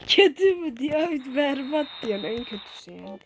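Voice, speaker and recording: A woman giving excitable, swearing commentary while playing a football video game, shouting at her players. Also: high voice. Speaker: gaming streamer. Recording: loud background noise with clicks.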